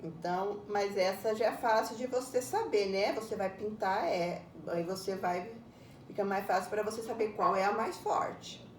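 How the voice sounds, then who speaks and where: Woman teacher, unhurried, explains step by step for children, roomy recording with faint background noise. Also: medium pitch, far from the mic. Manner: patient, explains step by step, ends phrases with a tag question. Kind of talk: recorded lesson for young pupils.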